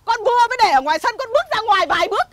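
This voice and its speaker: A woman playing a hot-tempered village mother who curses a thief in shrill, rhythmic rants. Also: lively intonation, rapid-fire, heavy background noise. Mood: indignant. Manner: shrill, ranting, rhythmic cursing. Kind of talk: comedy sketch acting.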